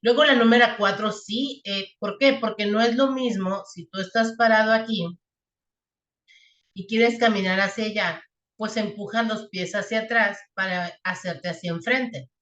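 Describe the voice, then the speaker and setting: Her voice is mid-range and fairly bright, her intonation fairly even, and she speaks a little slowly. This woman teacher guides her class through equations and physics one step at a time, often pausing for short questions, in an echoey room.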